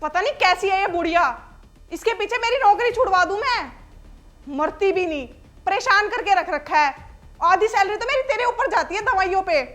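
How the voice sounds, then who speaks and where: A woman's voice: very high-pitched, normal speed, bright, forceful tone, soft background music. A woman playing an arrogant, cruel daughter-in-law who scolds in a harsh, contemptuous way. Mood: scornful.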